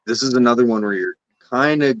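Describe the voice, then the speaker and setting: A man's voice: medium pitch, quick pace, no echo, dull audio. A man with a Canadian accent, a guest on a casual live stream, talking in rambling, self-correcting runs and swearing casually. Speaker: guest cannabis breeder.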